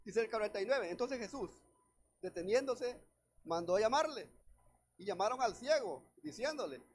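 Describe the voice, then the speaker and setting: High-voiced man preaching. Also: animated, moderate pace. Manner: preaches directly to the congregation, often calling out "hermano"; reads scripture aloud and then explains it. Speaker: pastor. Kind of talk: sermon.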